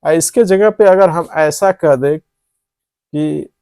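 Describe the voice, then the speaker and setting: A man's voice: a little high, slow pace, gravelly, mellow, smooth, dry recording, clean studio sound. A man teaching English vocabulary at a board, asking questions and answering them himself. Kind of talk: classroom lesson at a board.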